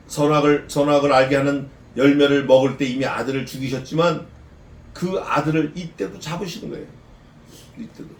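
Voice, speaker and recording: 울림 있는 교회에서 설교하는 활기찬 남성 목사. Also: male voice, mid-range voice, echoey room, slight background noise. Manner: lively, asks the congregation questions, mixes in casual slang. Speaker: pastor. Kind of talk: expository sermon. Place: church sanctuary.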